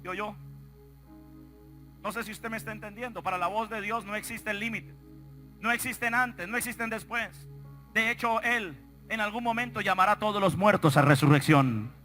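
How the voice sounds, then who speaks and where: A man's voice: sits high, fairly even intonation, moderate pace, long pauses, faint music behind. A man preaching a dramatic sermon in a large auditorium, telling a story and calling out to the congregation. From Colombia. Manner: dramatic storytelling with sudden shouted calls to the crowd.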